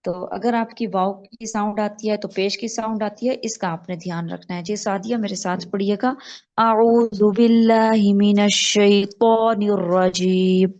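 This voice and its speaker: A woman teaching an online tajweed class, patiently explaining and slowly modelling each recited phrase. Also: medium pitch, steady tone, a little mellow, dull audio.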